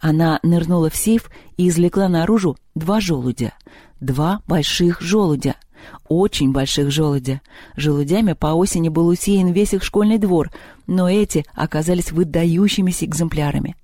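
An audiobook narrator reading a children's story in an even, measured way. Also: mid-range voice, no room sound, studio quality.

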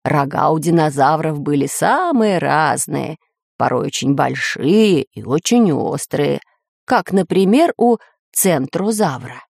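A woman's voice: sits low, sing-song, takes it slowly, creaky, darkish tone, dry recording, studio quality, heavily acted. A woman voicing a learned male professor in a storybook reading, explaining and then crying out in alarm.

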